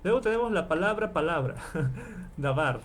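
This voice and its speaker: Man, professor, online lecture, fairly high voice, faint background noise, patient explainer. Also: expressive. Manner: explanatory, checks in with listeners often; spells out and repeats Hebrew terms slowly. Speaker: Bible professor.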